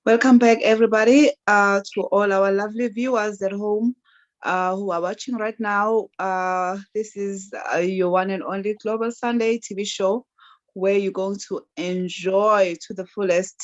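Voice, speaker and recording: A woman's voice: medium pitch, fairly even intonation, measured pace. A woman presenting a television show as its host. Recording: dull, band-limited sound.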